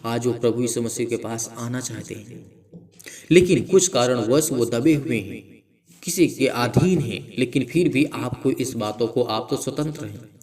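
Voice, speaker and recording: A man's voice: medium pitch, a little mellow. Man preaching from a distance. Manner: preaching in repeated list-like phrases, rising to emphatic quotes. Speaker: pastor. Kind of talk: sermon.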